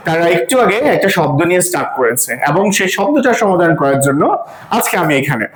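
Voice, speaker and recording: A woman's voice: low voice, animated, fast. A woman teaching English pronunciation to a class, quizzing the students and sounding out syllables one by one. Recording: echoey room with loud crowd noise.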